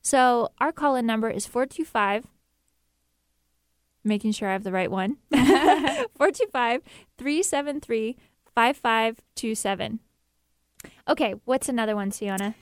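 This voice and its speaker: A woman's voice: on the high side, animated, measured pace, clear, resonant tone, no room sound, clean studio sound. A woman hosting a call-in talk show, upbeat and affirming toward her co-host.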